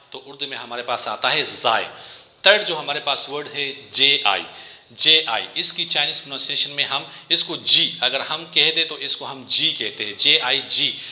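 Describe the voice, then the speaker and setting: A man teaching a language lesson, patiently repeating each word slowly for learners. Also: mid-range voice, sharp tone, reverberant.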